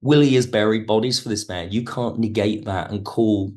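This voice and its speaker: In a reflective podcast interview, the guest is a man who writes audio drama. He has a lowish, slightly mellow voice, keeps a steady tone, and moves at a moderate pace, often returning to a point to put it another way.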